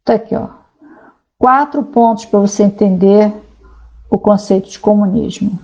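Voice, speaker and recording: A woman's voice: mid-range voice, fairly even intonation, normal speed, warm tone, highs cut off. A woman sociologist talking casually to viewers, explaining ideas and reading aloud from a website, with frequent tag questions. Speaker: sociologist commentator.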